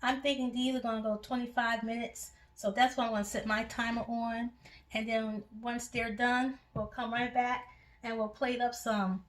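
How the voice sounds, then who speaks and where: A woman's voice: fairly high pitch, flat delivery, normal speed. A woman hosting a home cooking video, chatting homely as she talks viewers through each step in her kitchen. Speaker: home cooking channel host. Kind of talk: casual cooking demonstration.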